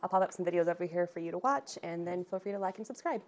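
A woman in her thirties casually talking through a recipe in her home kitchen, relaxed and chatty, picked up by a camera across the room. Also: on the low side, racing, slight background noise. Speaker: home cooking vlogger. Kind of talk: casual cooking demonstration.

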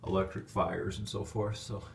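A man with a very low voice walks through his dark stone basement. He films on a handheld phone and talks in a plainspoken, rambling way. The sound echoes in the basement room, with a faint hum behind him. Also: little pitch movement, moderate pace, vocal fry. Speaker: homeowner giving a basement tour. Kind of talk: casual walkthrough narration. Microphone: handheld phone camera.

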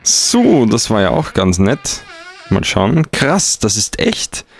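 Deep, creaky-voiced man commentating. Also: huge pitch swings, slow, soft background music. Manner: hesitant, dryly ironic. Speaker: let's player. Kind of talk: casual game commentary.

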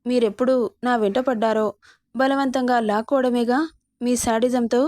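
A woman's voice: fairly high pitch, fairly even intonation, moderate pace, a little mellow, no room sound, natural voice. A woman voicing a young wife who coaxes and sulks at her husband in a storybook romance, in a dry, close recording. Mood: pleading. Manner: coaxing, sulky pleading. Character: young wife, pleading and teasing.

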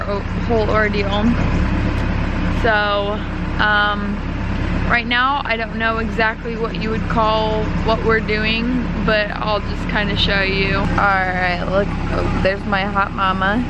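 A woman's voice: mid-range voice, very noisy. A woman chatting casually and playfully as she films outdoors by a house on a handheld camera. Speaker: guest helper filming. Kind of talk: casual vlog chat.

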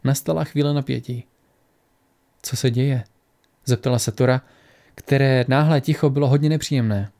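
Give me a man reading a fantasy audiobook, steady and mellow. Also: mid-range voice, creaky. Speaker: audiobook narrator.

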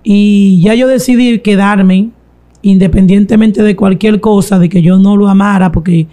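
Slow-spoken woman with a mellow voice. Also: medium pitch, steady tone. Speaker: guest telling her testimony. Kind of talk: testimony interview.

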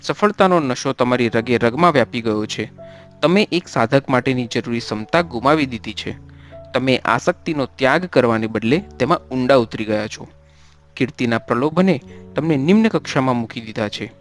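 Audiobook role: man doing a stern, composed holy man, measured counsel, mid pitch, faint music bed. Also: lightly acted. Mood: admonishing. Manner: steady admonishing, then gentle.

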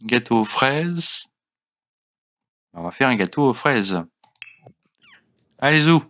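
A man's voice: mid-range voice, big pitch swings, slow, a bit bright. A young man giving casual gameplay commentary as a let's play host, chatting to his game characters as he plays. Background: faint game music.

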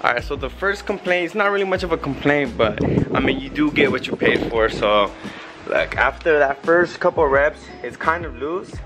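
Over background music, a young man with a fairly high, expressive voice reviews a product at a moderate pace. Filming handheld and up close as he exercises on a covered patio outside, this vlogger keeps things relaxed, rambling and chatty.

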